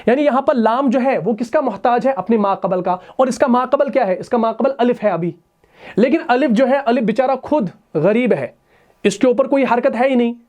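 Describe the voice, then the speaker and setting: Male Arabic grammar teacher, patient and conversational, chants verb forms slowly. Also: very high voice, a little mellow. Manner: patient, addresses students as brother, personifies letters; slow recitation of verses and verb forms. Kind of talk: explaining grammar lesson at a board.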